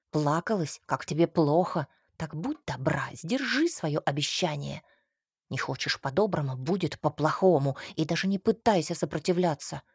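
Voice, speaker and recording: A woman's voice: sits low, darkish tone, husky, dry recording, clean studio sound. A woman voicing a menacing, obsessive young man in an audiobook, speaking in a sugary, venomous, threatening tone. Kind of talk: audiobook character reading.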